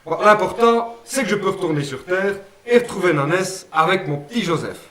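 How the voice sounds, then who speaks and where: A man plays a cheeky, simple-minded puppet fellow with a Liège accent, talking in a folksy, rambling way in a higher-than-usual register. The sound is roomy, with the voice sitting some way off the mic. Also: expressive, brisk, sharp tone, far from the mic. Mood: chatty. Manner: folksy, naive, lots of "hein" and "ben".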